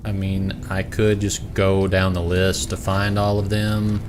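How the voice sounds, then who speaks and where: In a home room, a young man from the American South streams gameplay and offers casual commentary, rambling and poking fun at himself in his Southern accent. His voice is low and measured, with little pitch movement, against background noise.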